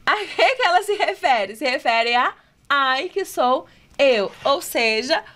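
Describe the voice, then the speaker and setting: Woman, high voice, Brazilian Portuguese accent, English teacher, exam-prep lesson, rhetorical questions, slow careful reading of English lines. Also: lively intonation, a bit bright. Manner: asks rhetorical questions, reads English items slowly and deliberately.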